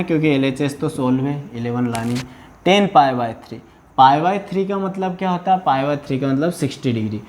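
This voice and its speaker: A man's voice: on the high side, darkish tone, slight background noise. A man from India teaching maths in a video lesson, working through problems step by step and often checking that students follow. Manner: patient, repeats "है ना" to check understanding.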